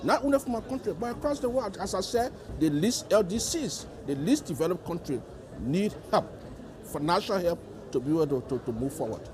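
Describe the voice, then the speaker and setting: A man's voice: high-pitched, big pitch swings, a little fast, background noise. A man with a Liberian accent giving formal interview answers as a delegate, stressing points by repeating his phrases. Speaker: government delegate being interviewed.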